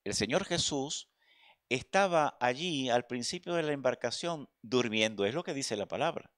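A middle-aged man delivers a church sermon, weaving in his own testimony. He speaks earnestly and keeps calling listeners brother, at a middle pitch. The sound is dry and close. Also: lively intonation, moderate pace, a bit bright, no echo. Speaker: preacher.

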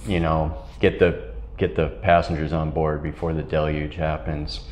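Deep-voiced man, rambling sea captain. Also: flat delivery, moderate pace, a little mellow, reverberant, a little hiss or hum. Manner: rambling, laughs while telling stories. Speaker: tall ship captain. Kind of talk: casual storytelling interview. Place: wood-paneled ship cabin. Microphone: lapel mic.

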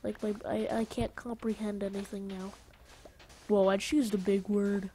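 A woman giving casual gameplay commentary in a goofy, rambling way, with lots of "like" fillers, jokey self-mockery and sudden excited outbursts. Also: mid-range voice, normal speed, slight background noise. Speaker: gaming channel host.

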